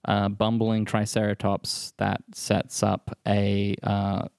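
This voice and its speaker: Gravelly low-voiced man, deadpan podcast banter. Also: slow, no room sound, clean studio sound. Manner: deadpan, hesitant with many fillers. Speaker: podcast co-host. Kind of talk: deadpan comedic movie chat.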